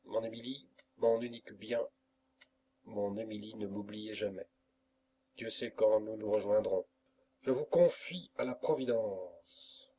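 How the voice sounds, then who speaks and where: A man's voice: on the low side, a little slow, dark tone, a little hiss or hum, natural voice. A man reading an anguished young lover. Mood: pleading. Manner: earnest, pleading reading.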